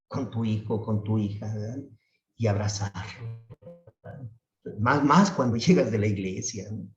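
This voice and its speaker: Man preaching, echoey church. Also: a little mellow. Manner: peppers phrases with tag questions, acts out complaints in a high voice. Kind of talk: sermon. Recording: echoey dull church sound from a distance.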